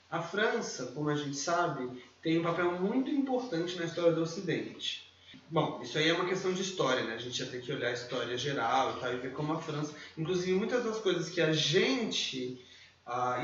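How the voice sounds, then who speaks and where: A man's voice: fairly high pitch, a bit bright, slight background noise. A man with a Brazilian Portuguese accent giving a casual spoken lesson, explaining things conversationally and asking himself questions along the way. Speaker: language teacher. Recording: very echoey, distant, dull mic.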